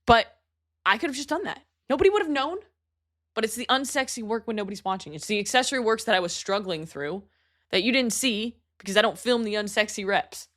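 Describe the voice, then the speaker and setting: A woman's voice: medium pitch, fairly bright tone. A young adult woman hosting a solo motivational podcast, talking emphatically and bluntly with casual swearing. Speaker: podcast host and fitness coach.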